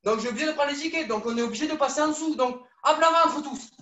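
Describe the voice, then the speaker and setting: High-voiced woman coaching kids. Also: fast talker. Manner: lively, coaxing, repeats instructions. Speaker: judo coach for children. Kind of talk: live online kids' class, story-led exercises. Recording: echoey room, far from the mic.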